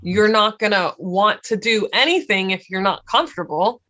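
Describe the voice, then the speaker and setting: A woman hosting a podcast and introducing meditation, reassuring and quick to laugh. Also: medium pitch, dull audio. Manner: warm, reassuring, laughs often. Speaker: podcast host, meditation guide. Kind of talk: casual podcast chat.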